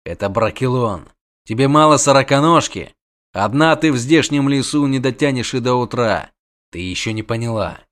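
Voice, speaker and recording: A man voicing a gruff, weary grown monster hunter, talking low, curt and measured. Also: a bit bright, natural voice. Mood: angry.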